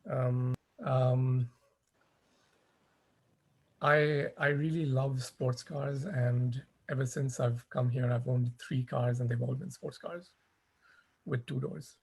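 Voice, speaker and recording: Gravelly, husky man with hesitant speech. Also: medium pitch, fairly even intonation, slow pace, long pauses. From from India, raised in Kenya. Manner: hesitant, many fillers. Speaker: PhD student. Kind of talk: casual self-introduction.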